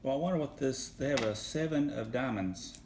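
A man's voice: mid-range voice, moderate pace, a little mellow, slight background noise. A man with an East Tennessee accent, tasting snacks in casual chat, joking and hunting for words. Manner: joking, rambling, hunts for words. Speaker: co-host taste tester.

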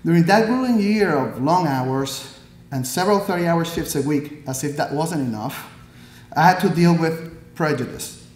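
A Puerto Rican Army pathologist in his thirties, speaking as a guest, reads a prepared speech from his notes at a podium microphone, measured and earnest with the odd filler. His voice is a little high for a man, a little mellow, with lively intonation, and the hall echoes clearly.

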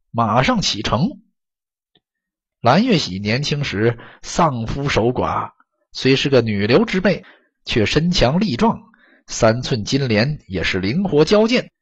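A man narrating an audiobook story in an expressive, dramatic storytelling manner, on a dull lo-fi recording. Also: mid-range voice, breathy edge.

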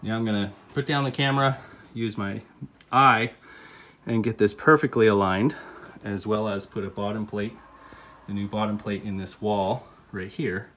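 Speaking at normal speed in a voice on the low side, with a little hiss or hum, a man in his thirties calmly walks through a renovation step by step with fillers. It's casual instructional talk filmed on a phone he often holds as he works, moving from a car to a house under renovation.

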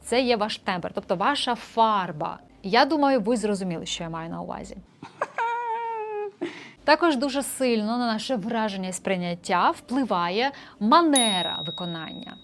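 A woman's voice: medium pitch, expressive, normal speed, hardly any pauses. A young woman vocal coach in a casual lesson, explaining voice technique and breaking into short sung demonstrations. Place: indoor room with a street musician outside.

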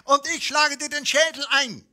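A man's voice: fairly even intonation, normal speed, sharp tone, exaggerated voice. A man voicing a small, boastful egg that crows and picks fights in a spoken fable. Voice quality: squeaky, crowing.

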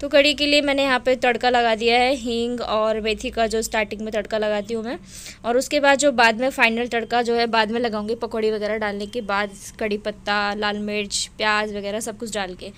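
A woman's voice: on the high side, little pitch movement, brisk, smooth. A woman in her thirties, a mother chatting to viewers in a casual home vlog, repeating words as she talks. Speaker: vlogger, mother. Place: home, indoors. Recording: phone vlog with loud rain noise.

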